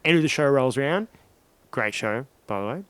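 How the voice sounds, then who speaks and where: A man, a comedian co-hosting a podcast, telling a story in an animated way with frequent laughter. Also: mid-range voice, brisk. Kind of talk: casual chat.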